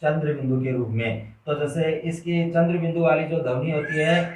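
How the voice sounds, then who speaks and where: Male schoolteacher, slightly high voice, slow drilling delivery, echoey far-off recording. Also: fairly even intonation, background noise. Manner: slow, repetitive question-and-answer drilling, addresses children as "beta". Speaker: Hindi teacher. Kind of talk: classroom grammar lesson. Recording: roomy echo, distant mic.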